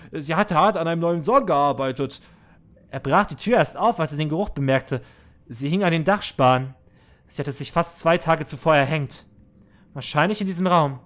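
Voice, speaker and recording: A man reads game text aloud and comments as he plays, in an earnest, somber tone. His voice sits a bit high for a man, and he stumbles and restarts words now and then. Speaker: let's play gamer. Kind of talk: reading and commenting on a video game.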